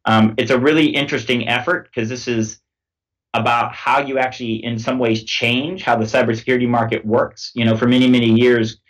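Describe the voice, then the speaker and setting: A man being interviewed as a guest, explaining things in a measured way with many pauses. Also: mid-range voice, fairly even intonation. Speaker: guest, head of a nonprofit security alliance. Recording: distant mic sound.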